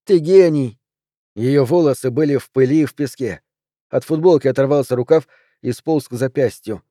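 A man narrating an audiobook in a steady, measured reading. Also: mid-range voice, dry recording, clean studio sound. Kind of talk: scripted narration.

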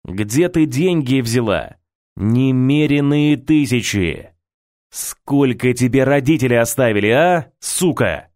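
A man's voice: mid-range voice, animated, slow pace, a little mellow. A man voicing a bitter, betrayed man who speaks curtly and harshly, in a storybook reading. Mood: furious. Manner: curt, harsh, contemptuous.

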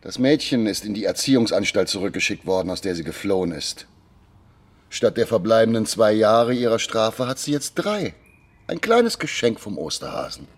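In a noir radio drama, a male actor plays a contemptuous Soviet KGB boss, sneering, mock-polite, and threatening. His husky, fairly low voice swings widely in pitch at a moderate pace, with a coolly mocking mood.

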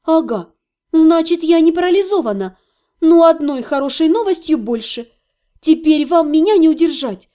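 A woman narrating a fantasy audiobook in the first person, expressive and dramatic. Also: very high voice, moderate pace.

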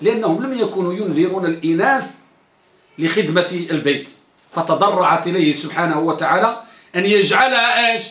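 High, bright male teacher quizzing a class. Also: lively intonation, quick pace, echoey room. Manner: quizzes students, repeats key terms. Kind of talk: classroom grammar lesson. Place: classroom with students.

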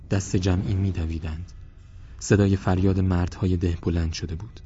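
A man narrating a novel as an audiobook in measured, even scripted storytelling, recorded with dull lo-fi sound and faint music. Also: deep voice.

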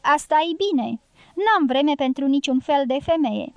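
A woman's voice: high-pitched, a little mellow, no room sound, lo-fi sound. Woman reading as Robert Jordan, a reserved young man. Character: young male American dynamiter, reserved and earnest. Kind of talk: audiobook character reading.

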